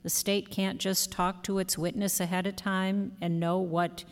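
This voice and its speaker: A woman questioning from the bench as a judge, challenging and somewhat halting. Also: mid-range voice, level tone. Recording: long hall reverberation.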